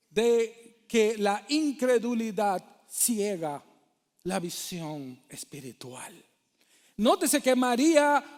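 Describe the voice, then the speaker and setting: A man preaching a sermon as pastor, asking rhetorical questions and calling listeners brother. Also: very high voice. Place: church hall. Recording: long hall reverb.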